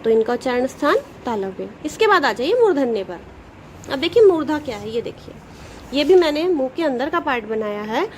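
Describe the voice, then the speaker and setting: A woman teacher giving a grammar lesson to children, patient, sounding out letters slowly and asking questions she then answers herself. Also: high voice, sing-song, slight background noise, low-quality recording. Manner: addresses pupils directly, asks questions then answers them.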